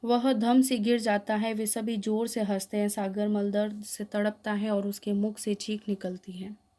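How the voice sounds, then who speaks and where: Woman teacher reading a play, flat and mellow. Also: medium pitch, a little slow. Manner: explanatory reading with fillers. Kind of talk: reading a play aloud for a class.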